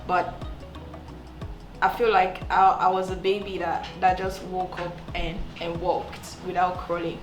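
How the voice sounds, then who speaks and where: A woman from Cameroon, a singer talking earnestly about her career, often restarting and repeating words. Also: mid-range voice. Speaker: singer and songwriter. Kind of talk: to-camera interview talk. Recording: echoey room with music underneath.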